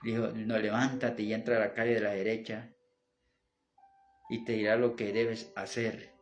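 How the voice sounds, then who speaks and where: A man's voice: lowish voice, little pitch movement, normal speed. Fervent preacher man over music. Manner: fervent, repeats "mi hermano", quotes scripture. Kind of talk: sermon. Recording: music playing behind.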